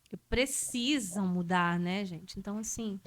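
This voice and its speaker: A woman from Brazil talks as a podcast guest, lively and expressive with tag questions thrown in. She is a teacher, and her voice sits at a middle pitch for a woman. She speaks in a relaxed, conversational way. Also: measured pace. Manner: animated, laughs often, frequent tag questions.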